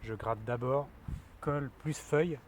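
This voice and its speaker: A man's voice: medium pitch, unhurried, slight background noise. A man narrating a casual do-it-yourself vlog beside a van, chatting and thinking aloud with many fillers while he works. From France. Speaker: van builder.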